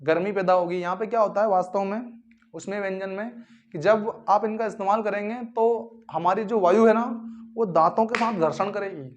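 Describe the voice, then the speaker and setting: High-pitched guy teaching a class, keeps repeating stuff and quizzing students, muffled lo-fi audio. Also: steady tone, moderate pace. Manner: repetitive, drills sounds aloud, asks students questions. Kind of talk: classroom lesson. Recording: dull lo-fi recording.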